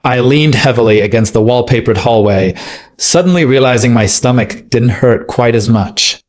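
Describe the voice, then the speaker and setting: A man reading a dramatic first-person story aloud as scripted narration, in a steady, measured way. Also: mid-range voice.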